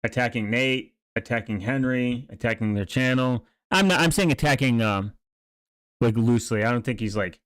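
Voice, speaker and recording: A man giving casual, rambling commentary, speaking haltingly and often trailing off or restarting mid-thought. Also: medium pitch, fairly bright tone, no echo. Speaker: streamer reacting to online videos and channels.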